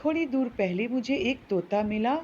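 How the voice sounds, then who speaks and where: A woman teacher slowly reading and explaining a story to children. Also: highs cut off, a little hiss or hum. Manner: slow and explanatory, with lively pitch.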